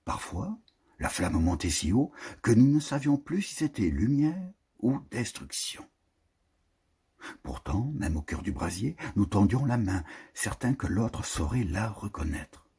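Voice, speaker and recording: This prose-poem reader has a very husky, breathy voice and a warm tone. He declaims slowly and solemnly with deliberate phrasing, his pitch ranging widely in a very animated delivery of the literary text.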